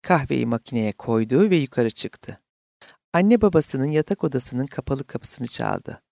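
A man reading a novel aloud as an audiobook narrator, in a measured, steady way. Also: mid-range voice, vocal fry, no room sound, clean studio sound.

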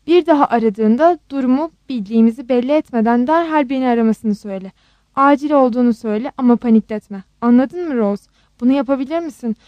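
A worried middle-aged husband talks slowly and steadily to calm someone down, read by a woman in her own bright voice. His delivery is measured and dry. It sounds close to the mic. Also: on the high side, no room sound, highs cut off, lightly acted. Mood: soothing.

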